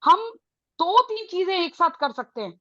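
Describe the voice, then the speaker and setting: A middle-aged woman with an Indian accent leading a motivational parenting session, mixing Hindi and English with emphatic, drawn-out phrases. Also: very high voice, sing-song, bright, forceful tone, dry recording, lo-fi sound. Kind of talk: motivational talk to a live group.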